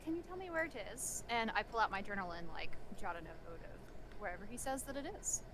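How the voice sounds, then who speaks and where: A woman's voice: medium pitch, very animated, quick pace. A woman player talking casually during a tabletop role-playing game. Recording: clearly noisy room recording.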